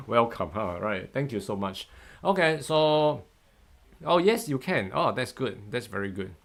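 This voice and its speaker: This forex trading educator, a native Mandarin-speaking man in his fifties, analyzes charts during a live stream. His medium-pitched voice is expressive and creaky at a measured pace, and he keeps things chatty and upbeat, laughing frequently and thanking his viewers.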